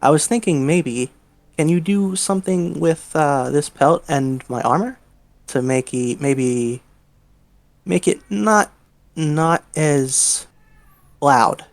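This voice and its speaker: A man playing a tabletop game, chatting casually as he describes his actions and haltingly thinks out loud. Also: fairly high pitch, expressive, no echo.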